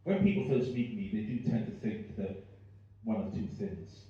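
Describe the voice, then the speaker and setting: Male comedian, Swansea Welsh accent. Rambling, sweary, self-deprecating crowd banter, animated pitch, very echoey live room. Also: moderate pace, highs cut off. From Swansea, Wales. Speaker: stand-up comedian. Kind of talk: stand-up comedy with audience banter. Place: live comedy venue with small audience. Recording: very echoey room, distant mic.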